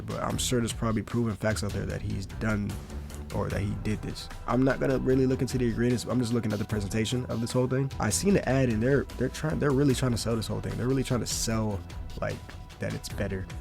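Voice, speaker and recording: Young male commentator, deepish and a bit gravelly, rambling slangy reaction talk over faint music. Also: fairly even intonation, quick pace. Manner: rambling, slangy, lots of "bro" and "like". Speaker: commentary YouTuber. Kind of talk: casual commentary.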